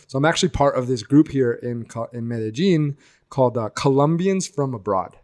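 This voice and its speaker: A young man from the United States, a guest speaking reflectively in a casual interview, lively when he quotes others. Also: medium pitch, moderate pace.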